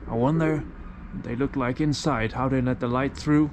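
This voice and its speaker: A man's voice: medium pitch, fairly even intonation, normal speed, darkish tone, slight background noise. A man narrating a travel vlog in a curious, musing way while exploring a city outdoors. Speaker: travel vlogger.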